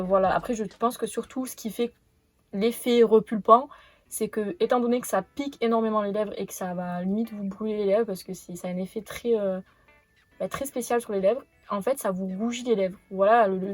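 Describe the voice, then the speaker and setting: A young woman presenting beauty products in a casual haul video, rambling with many fillers and restarts. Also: mid-range voice. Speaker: beauty vlogger.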